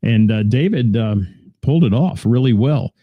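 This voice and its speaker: A man's voice: mid-range voice, lively intonation, moderate pace, no echo, lo-fi sound. A man hosting a local radio show in a rambling, chatty, self-deprecating way, greeting listeners and talking about gigs. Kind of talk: casual radio chat reading listener comments.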